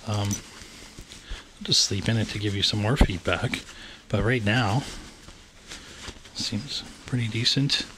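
A Canadian man with a lowish voice talks slowly and hesitantly, pausing often and using lots of fillers as he unpacks and reviews camping gear. It's casual unboxing commentary filmed indoors in a room with a wooden floor on a handheld camera pointed down, with a noisy background.

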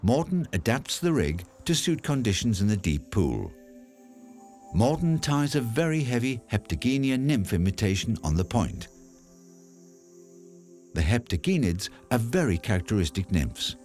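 A man giving calm, explanatory scripted narration for an outdoor documentary. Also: medium pitch, moderate pace, faint music behind.

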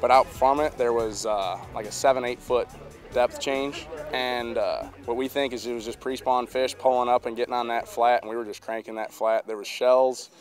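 A man's voice: medium pitch, steady tone, moderate pace, soft background music. Hesitant young male angler. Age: young adult. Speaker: college angler. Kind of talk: casual interview.

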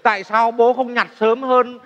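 A naive grown son who gushes and exclaims loudly in a stage comedy sketch. His voice is very high, and the dull sound carries a long hall reverb. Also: level tone, normal speed. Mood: eager.

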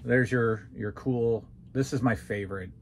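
In a small basement room, a collector vlogger in his thirties gives a rambling room tour, walking around with his phone held at arm's length. He speaks in a mid-range voice with fairly even intonation and a measured pace, often questioning himself as he goes. There's slight background noise.

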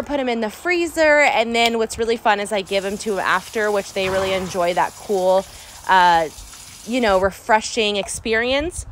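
A young horse owner from San Diego, California, vlogs casually and enthusiastically about looking after her horses at an outdoor barn, chatting away and repeating "super important." She speaks at a medium pitch with slight background noise.

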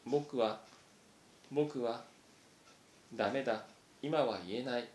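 A man reading aloud, voicing a brave young male mouse who speaks haltingly, choked with emotion, in a roomy recording. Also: medium pitch, a little mellow, a little hiss or hum, lightly acted. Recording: roomy echo.

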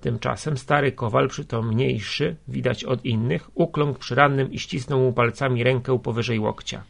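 A man narrating a literary story in a measured, steady way, with a gravelly, husky voice. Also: mid-range voice. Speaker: audiobook narrator.

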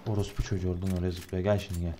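A young man commentating his own gameplay, swearing a lot and swinging from low muttering to high-pitched yelling. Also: little pitch movement, racing, a little hiss or hum. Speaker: gameplay streamer.

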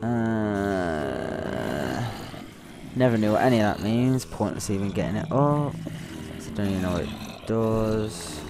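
A man's voice: fairly low pitch, lively intonation, slow. Jittery man narrating gameplay, noisy recording. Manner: jittery, nervous exclaiming, repeats himself. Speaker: gaming video host. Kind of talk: live gameplay commentary.

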